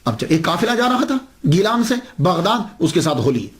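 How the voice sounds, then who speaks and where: A man's voice: sits high, big pitch swings. A man telling a saint's story as a sermon, acting out the dialogue with big swings in his voice. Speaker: Islamic preacher.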